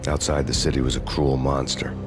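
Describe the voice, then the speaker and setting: An actor playing a brooding, world-weary undercover cop, narrating a video game in hardboiled, poetic noir lines. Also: male voice, rumbling low, flat delivery, a little fast. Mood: grim. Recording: narration over game music.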